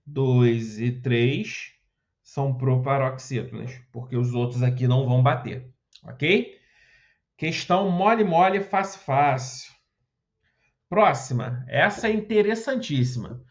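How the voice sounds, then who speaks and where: In an unhurried, expressive manner, a man teaches Portuguese grammar for an exam, explaining each step and frequently checking in with short questions as he goes through the questions. He has a medium-pitched voice with vocal fry, and the sound is lo-fi.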